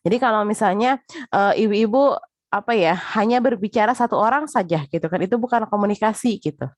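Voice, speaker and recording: Female lecturer, chatty and direct, mid-pitched, dry close sound. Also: fairly quick, dry recording. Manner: chatty, repeats filler tags, addresses listeners directly. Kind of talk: casual spoken lecture.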